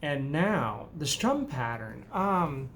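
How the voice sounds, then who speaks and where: Man, guitar teacher, casual lesson, counts beats aloud, loud guitar strumming under the voice. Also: fairly high pitch, very animated, takes it slowly.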